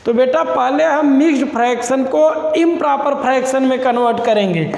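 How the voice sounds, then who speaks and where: A man's voice: extremely high pitch, normal speed, gravelly, a little mellow. A young man teaching a maths lesson, explaining step by step and repeating key terms back as questions to his students. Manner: calls students "beta". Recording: echoey room with faint background noise.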